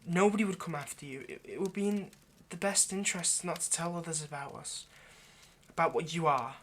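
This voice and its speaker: Playing an earnest vampire who is in love, a man coaxes a partner through an intimate roleplay monologue, hesitating and stammering yet gently persuasive. The mood comes across as hesitant and reassuring. His voice is on the high side and a little fast.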